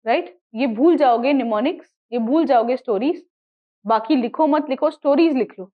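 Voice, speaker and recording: High-voiced woman teacher with Indian accent. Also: normal speed, lo-fi sound. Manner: repetitive, drills mnemonics, asks students questions. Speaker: geography teacher for exam prep. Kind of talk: classroom lecture mixing Hindi and English.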